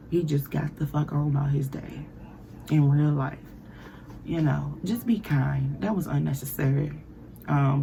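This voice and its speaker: A woman hosting a casual solo podcast, telling a story bluntly, with lots of profanity and animated asides. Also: sits low, gravelly, slight background noise. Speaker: podcast host. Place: lives in Burbank, California.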